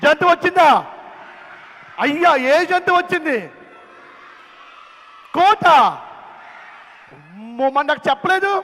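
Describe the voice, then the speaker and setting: A man hosting a children's camp skit, calling out questions to the young audience in a playful, animated way. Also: very high voice, takes it slowly, long pauses. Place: large hall at a children's camp. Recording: long hall reverb.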